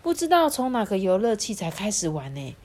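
A woman reads a children's story aloud. Her telling is lively and sing-song, with a pitch of middling height. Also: fairly quick.

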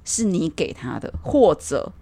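A woman's voice: on the low side, big pitch swings, a little slow, gravelly, warm tone. A young woman, co-hosting a casual chat, laughing often and explaining with examples. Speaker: podcast co-host.

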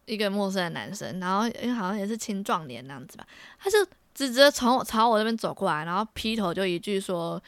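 A young woman from Taiwan co-hosts a podcast, telling casual stories in an animated way, laughing often and restarting many sentences. Her voice is mid-range and quick, and the recording is dry.

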